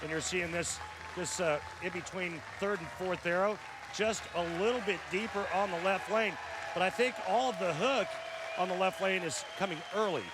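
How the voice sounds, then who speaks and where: A man's voice: high-pitched, normal speed, heavy background noise. An American man giving analytical live sports commentary as a color analyst. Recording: crowd and music behind voice.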